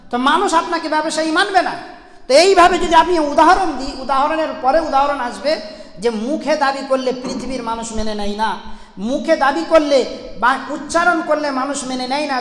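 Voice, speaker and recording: Male preacher, Friday sermon, emphatic, repeats phrases, high voice, roomy echo. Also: a bit bright. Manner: emphatic, counts points aloud and repeats phrases. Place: mosque. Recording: echoey hall with long reverb.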